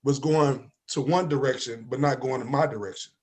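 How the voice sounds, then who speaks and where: Over crowd noise, a man in his forties from East Saint Louis, Illinois, USA, speaks at medium pitch and a moderate pace as a talk-show guest. This life insurance agent tells animated stories in casual conversation, acting out dialogue and often saying "you know what I mean."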